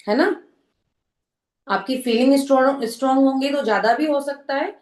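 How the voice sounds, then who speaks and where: A woman runs a live self-help teaching session, speaking in a high, clear register. She explains things patiently, keeps asking "right?" to check in, and slips English words into her Hindi. The sound is roomy, with a noticeable echo. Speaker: self-help course leader.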